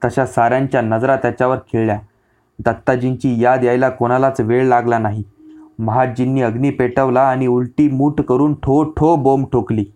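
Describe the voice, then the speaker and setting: Male audiobook narrator, measured. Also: mid-range voice, level tone, darkish tone. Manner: measured, literary storytelling.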